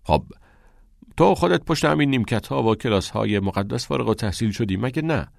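A man's voice: medium pitch, expressive, creaky, dry recording, clean studio sound. A man voicing a male schoolteacher with a sly, joking manner. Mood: wry. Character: male schoolteacher, wry and ironic.

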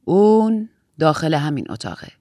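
A woman voicing a stern, controlled older woman in authority in an audiobook, speaking in a measured, commanding way. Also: low voice, sing-song, dark tone, no echo, clean studio sound, voice pushed down, full character voice. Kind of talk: audiobook character voice.

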